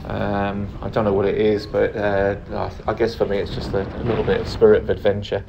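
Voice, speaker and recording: A man giving a calm, understated and hesitant casual commentary on his own flight video, pausing often. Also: lowish voice, muffled recording. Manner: calm, understated, hesitant delivery with frequent pauses. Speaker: paraglider pilot narrating own flight video. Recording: clear steady background noise, vehicle-like ambience.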